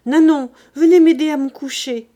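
A woman's voice: high voice, steady tone, normal speed, warm tone, voice pushed up, lightly acted. A woman voicing a frail, fainting mother who pleads weakly, in an audiobook reading. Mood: pleading.

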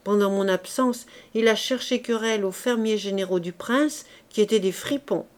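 A woman's voice: mid-range voice, natural voice. Woman reading a cool, shrewd duchess. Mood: grave. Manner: measured, cool and direct. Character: composed, shrewd duchess, a calm court lady. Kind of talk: audiobook reading.

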